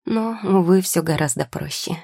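A woman's voice: on the low side, normal speed, gravelly, warm tone, husky, no room sound, clean studio sound. A woman voicing a tired, prickly young potion-maker who answers in curt, sarcastic retorts. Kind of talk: audiobook character voice.

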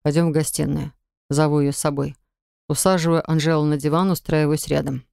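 A woman reading first-person audiobook narration in a measured, even way. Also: low-pitched, gravelly, clear, resonant tone, dry recording, clean studio sound.

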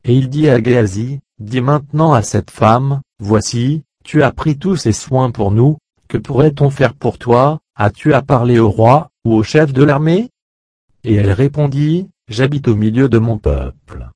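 A man reading an old French Bible translation aloud as steady scripted narration. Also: medium pitch, unhurried, husky, no room sound. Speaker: Bible reader.

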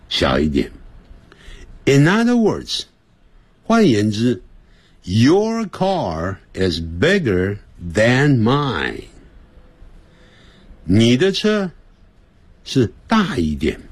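A man's voice: fairly low pitch, darkish tone, breathy edge, no echo. A man teaching English on the radio, explaining grammar and pronunciation and reading sentences aloud for listeners to repeat. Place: radio studio.

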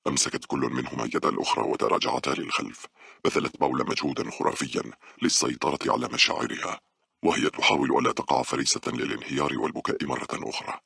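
A man narrating a horror audiobook in a measured, steady way. His voice is extremely deep, gravelly and husky, with a bright edge. It is recorded close and dry. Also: dry recording.

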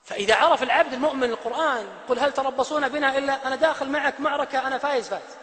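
A male preacher giving a sermon, swinging between loud emphasis and hushed quotes. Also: very high-pitched, racing. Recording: long hall reverb.

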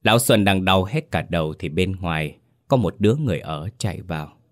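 A man narrating a scripted horror story in a slow, dramatic way. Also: sits low, expressive.

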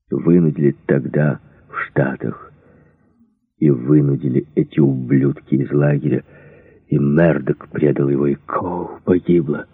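A man narrating an action audiobook in a steady, measured storytelling manner. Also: a bass voice, creaky, breathy edge, no room sound, narrow, tinny audio. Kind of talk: scripted narration.

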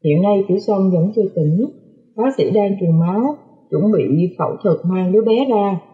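A woman's voice: medium pitch, moderate pace. Woman reading a novel on lo-fi audio. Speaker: audiobook narrator. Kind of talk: first-person novel reading. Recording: phone-like lo-fi audio.

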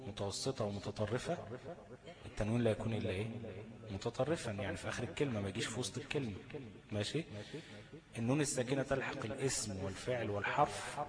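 A man with an Egyptian accent teaching a tajweed lesson, asking the class questions, answering them himself and repeating the key terms. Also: lowish voice. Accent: Egyptian Arabic. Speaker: Quran recitation teacher.

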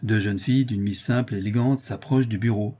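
A man's voice: on the low side, fairly even intonation, a little fast, dark tone, husky. A man reading a novel aloud as an audiobook narrator, lifting his voice slightly for the characters' lines. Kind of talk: scripted narration.

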